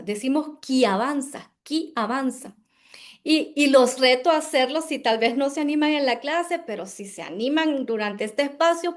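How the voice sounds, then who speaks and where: A woman instructing a workshop on pronunciation and voice, emphatic, demonstrating words slowly and carefully. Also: on the high side. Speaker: diction and voice instructor.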